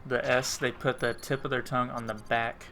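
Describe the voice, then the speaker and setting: A man's voice: medium pitch, flat delivery, normal speed, bright, forceful tone, slight background noise. A man chatting casually with a friend during a game stream, laughing often and using lots of fillers. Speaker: co-host friend. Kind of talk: casual gaming chat.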